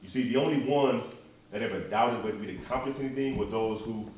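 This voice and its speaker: A man's voice: lowish voice, a little mellow, lightly acted. Very echoey, distant Martin Luther King played by an actor. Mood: proud, admonishing. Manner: measured, emphatic preacher-like cadence with repetition. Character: earnest, dignified male preacher and nonviolent civil rights leader. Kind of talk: live stage play acting. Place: stage in a reverberant room, recorded from afar. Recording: echoey hall, distant microphone.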